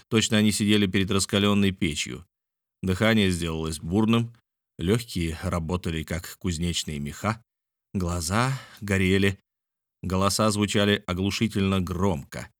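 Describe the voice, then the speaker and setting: Male audiobook narrator, low voice, measured, dry close-mic sound. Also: a bit bright, no echo. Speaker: audiobook reader. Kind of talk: scripted narration.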